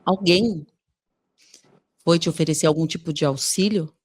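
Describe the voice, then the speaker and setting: Female podcast host, low-pitched, gentle and searching in interview. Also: breathy edge. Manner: gentle, slow, searching questions. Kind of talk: emotional interview.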